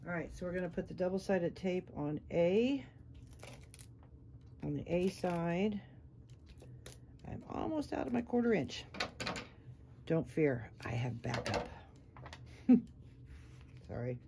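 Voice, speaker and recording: A middle-aged woman talks through a sewing project in an unhurried, mellow voice. She is chatty and encouraging and narrates each step as she works. A faint hiss sits under the recording. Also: lowish voice, animated, gravelly. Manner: chatty, encouraging, thinks aloud while working. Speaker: sewing instructor. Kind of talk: casual sewing tutorial.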